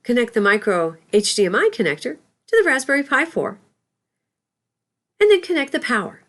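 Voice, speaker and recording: An instructor reads a scripted lesson at a moderate pace, explaining each step with care. Her fairly high voice rises and falls in a lively way.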